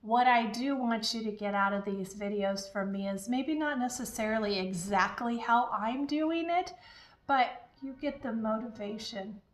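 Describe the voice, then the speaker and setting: Woman, slightly high pitch, casual vlog chat, upbeat, encouraging, very echoey room. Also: unhurried. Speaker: diet vlogger. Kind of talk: casual chatty vlog talk.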